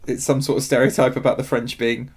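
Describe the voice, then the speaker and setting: A man hosts a film podcast in relaxed chat. He has a middle pitch and a jokey, self-deprecating way of talking, and he laughs easily. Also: quick pace, breathy edge. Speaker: podcast host. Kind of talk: casual chat.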